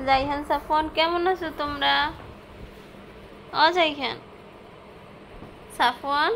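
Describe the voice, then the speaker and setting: Young woman, high voice, patient coaxing mother in a home vlog, noisy recording. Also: fairly even intonation, a little slow, gravelly, a bit bright. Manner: coaxing, teaching young children. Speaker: vlogger mother.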